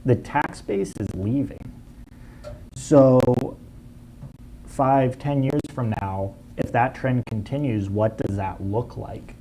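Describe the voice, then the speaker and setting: A man running for city council, answering at a forum in an earnest, slightly halting way. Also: on the low side, dark tone, slight background noise, low-quality recording.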